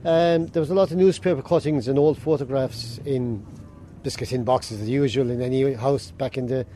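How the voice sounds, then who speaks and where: A man's voice: medium pitch, fairly even intonation, moderate pace, dark tone. A middle-aged man with an Irish Kerry accent, casually reminiscing. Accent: County Kerry, Irish. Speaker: interviewee, boat operator. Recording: faint outdoor engine noise.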